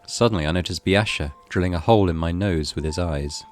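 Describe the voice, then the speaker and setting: Soft background music plays as a man with a deep voice briskly narrates a horror visual novel for his gaming channel. He delivers the scripted text in a theatrical, suspense-building style.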